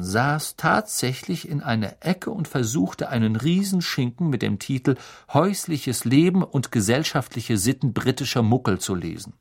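A man reading a children's novel aloud as an audiobook narrator, measured and expressive. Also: medium pitch, vocal fry. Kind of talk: scripted narration.

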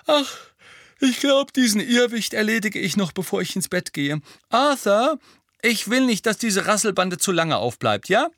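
A man voicing a warm, motherly middle-aged witch with a high, fussing voice. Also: sing-song, moderate pace, no echo.

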